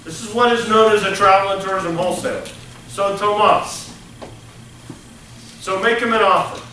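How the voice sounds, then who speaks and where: A man teaches a hospitality class at a college, animatedly staging business deals with students in an interactive lecture. His voice is high-pitched, bright and pushed, with fairly even intonation and a moderate pace. Picked up from far off in an echoey room, the audio carries slight hiss or hum.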